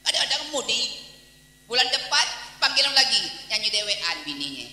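With a very high voice at normal speed, a man from Palembang, Indonesia preaches a humorous sermon in a Palembang Malay accent. He tells lively stories, acts out and mimics dialogue, and breaks into snippets of song, all in an echoey hall with long reverb.

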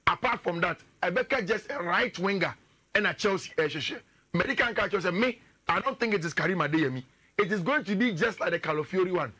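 In a radio studio, a man in his thirties with a Ghanaian English accent stands gesturing at a screen while giving animated football analysis. His high-pitched voice is brisk and slightly rough.

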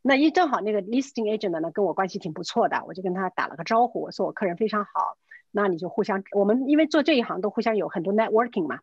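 A woman's voice: mid-range voice, fast talker, breathy edge, dry recording, lo-fi sound. A middle-aged woman, a real estate agent, casually telling a story and acting out the dialogue, mixing in English words. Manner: lively, acts out quoted dialogue; mixes English words into her speech. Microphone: video call.

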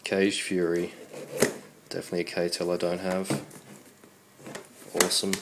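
Low-voiced Australian man with a cold. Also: a little slow. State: congested voice from a cold. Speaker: video host. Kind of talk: casual unboxing commentary. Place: indoors at a computer desk. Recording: steady background noise.

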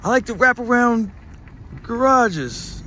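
A man's voice: extremely high pitch, expressive, slow pace, pushed and bright, a little hiss or hum. A man in his forties with a Chicago accent, talking casually and slangily to a phone held at arm's length while touring houses and bars. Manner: laid-back, slangy street talk. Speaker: vlogger. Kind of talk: casual vlog tour. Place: various, car, bar and indoors.

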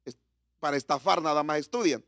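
A man's voice: a little high, a little fast, fairly bright tone, no room sound, studio quality. A middle-aged man preaching a sermon in church, talking conversationally and firing questions at the congregation.

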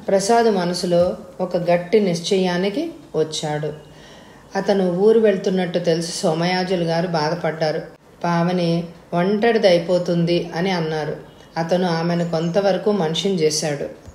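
Audiobook narrator: woman, low and mellow, steady and measured, echoey room. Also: slight background noise. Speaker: audiobook reader. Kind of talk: scripted story narration.

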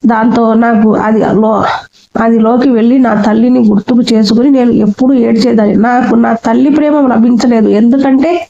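Woman storyteller, first-person narration, mellow dark voice, dull lo-fi recording. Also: on the high side, steady tone, gravelly. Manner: slow, sorrowful telling.

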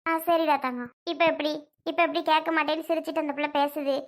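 A high-pitched old grandmother, played by a woman, who scolds her son bluntly. She turns syrupy and coaxing when she talks to the little girl. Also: flat delivery, quick pace, close to an everyday voice. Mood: scolding. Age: older. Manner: scolds the son, coaxes the child sweetly.

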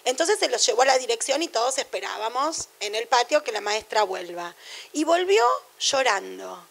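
A woman's voice: fairly high pitch, lively intonation, normal speed, vocal fry, fairly bright tone. A middle-aged woman with a Rioplatense Spanish accent giving a university lecture on education in a chatty, digressive way, full of anecdotes and asides.

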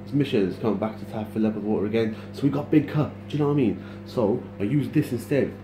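A young man vlogs casually into a phone camera held at arm's length in his home kitchen, joking around in slang banter. His fairly low voice comes quickly, with reverb, background music and a rough recording quality.

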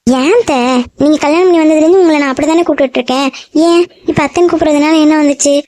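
A sweet, naive young woman in love in a cartoon, voiced by a woman, soft-spoken and pleading. Her voice is high and mellow, recorded dry and close. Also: rapid-fire, dry recording, lightly acted. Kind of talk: animated cartoon voice acting.

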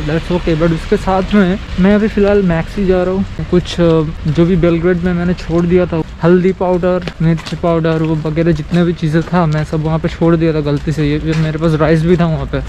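A man's voice: on the high side, little pitch movement, a little fast, poor audio. A young man in his twenties chatting casually as a travel vlogger, rambling while walking outdoors with a camera at arm's length. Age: 20s. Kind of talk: casual vlog narration. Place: outdoors on rainy city streets. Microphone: handheld action camera at arm's length. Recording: loud street noise.

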